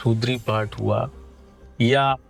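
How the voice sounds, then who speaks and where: A tired man speaking as a religious guru, measured and formal, pausing often with fillers. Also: medium pitch, steady tone, creaky, faint music behind. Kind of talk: devotional discourse.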